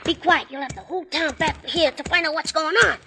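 High-voiced scheming outlaw boss. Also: female voice, heavy background noise. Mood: bossy, urgent. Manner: brisk, bossy, calculating. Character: cool, scheming female Western outlaw boss.

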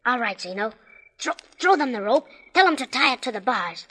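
A woman playing a cool, calculating Western outlaw boss who talks briskly and gives orders. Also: on the high side, very animated, bright, forceful tone, exaggerated voice. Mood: bossy, urgent.

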